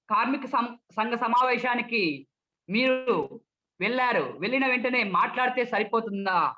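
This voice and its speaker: ఒక పురుషుడు ఉపన్యాస నైపుణ్యాల పాఠం చెబుతూ, ప్రతి భావాన్ని స్వరం, వేగం మార్చి చూపిస్తున్నాడు. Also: male voice, very high voice, pushed and bright. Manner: shifts tone and pace to demonstrate each emotion. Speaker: public speaking trainer. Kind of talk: demonstration lecture with acted examples. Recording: dull lo-fi recording.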